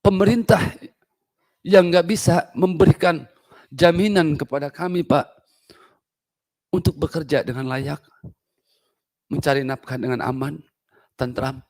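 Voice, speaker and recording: A man's voice: on the high side, unhurried, pauses often, a little mellow. A man from Indonesia testifying as a local resident at a parliamentary hearing, earnest and emotional, deferentially addressing the officials again and again. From Indonesia, Parung Panjang. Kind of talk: impassioned public testimony.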